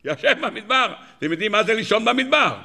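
A middle-aged rabbi teaches a Torah lesson in a high, bright voice. Gravelly fry runs through his speech. He tells stories with animation and keeps turning to his listeners with rhetorical questions. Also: expressive.

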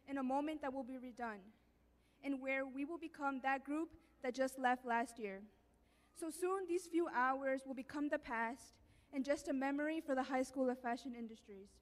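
A teenage girl gives a graduation speech in an earnest, heartfelt way. Her voice sits high. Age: teens. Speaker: graduating student speaker.

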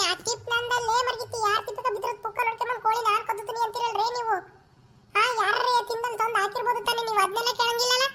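A woman's voice: extremely high pitch, background noise. A woman voicing a quarrelsome village woman in a cartoon, defending herself against a charge of stealing hens, with a scolding, defensive manner. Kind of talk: cartoon voice acting.

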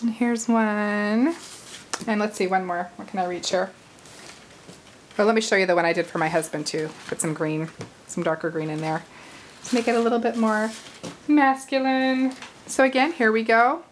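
A chatty woman in her thirties walks through a paper craft at her table, her voice slightly hoarse as if she is losing it. Her pitch sits mid-range for a woman. A faint hiss and small clicks of paper and tools sit under her voice. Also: moderate pace, pauses often, rough recording. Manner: chatty, apologetic asides, talks while working. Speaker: crafting tutorial host. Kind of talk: casual crafting tutorial. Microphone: camera at arm's length over the craft table.

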